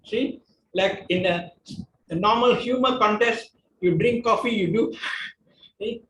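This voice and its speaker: Guy, really high voice, jokey speaking coach, echoey room, mic far off, bit of noise. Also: a little slow, a bit bright. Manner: joking, keeps checking in with "okay?". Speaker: public speaking trainer. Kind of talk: club talk on public speaking.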